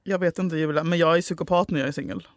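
Animated woman telling a story, cursing. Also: fairly low pitch, dry recording, studio quality. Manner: animated, swears freely, acts out quoted dialogue. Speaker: podcast host telling her love story. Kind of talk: casual storytelling chat.

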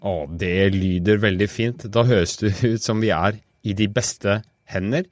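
A man hosting a parenting podcast, narrating and asking questions in a measured, storytelling way. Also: fairly low pitch, no echo, clean studio sound. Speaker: podcast host and journalist. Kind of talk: scripted podcast narration and interviewing.

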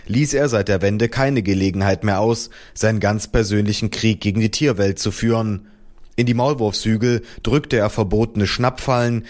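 A man reading a humorous first-person story in a dry, deadpan manner. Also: lowish voice. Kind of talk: first-person audiobook narration.

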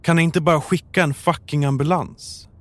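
A man's voice: a little high, steady tone, a bit bright, pitched above the performer's own voice, close to an everyday voice. A man reading a distraught woman on an emergency call. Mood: urgent. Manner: urgent, pleading.

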